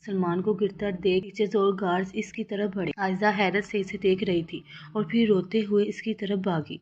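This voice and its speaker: A woman narrating a romance novel aloud in a steady, plain way. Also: mid-range voice, highs cut off.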